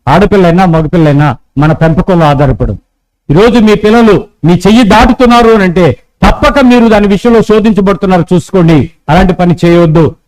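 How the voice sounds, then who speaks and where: A man's voice: fairly quick, a little mellow, low-quality recording. A man preaching a sermon as pastor, urging the congregation to repeat his words to each other and acting out quoted conversations. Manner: preaching with call-and-response prompts to the congregation; acts out quoted dialogue in a lowered voice.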